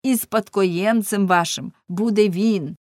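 A woman voicing a fiery young male prankster who loudly and urgently harangues a crowd. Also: mid-range voice, slow, dry recording, clean studio sound, close to an everyday voice. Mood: indignant. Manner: loud, urgent, indignant preaching.

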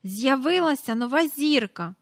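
A woman voicing an excitable middle-aged father who exclaims breathlessly in a storybook reading. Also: high-pitched, unhurried, no echo, studio quality, pitched above the performer's own voice. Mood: excited.

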